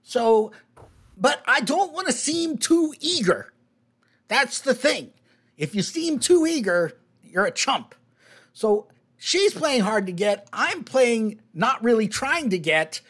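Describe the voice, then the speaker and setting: A man voicing a chatty male gnome who rambles with halting advice at a tabletop game. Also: extremely high pitch, sing-song, a bit bright, voice pushed up, full character voice. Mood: confiding.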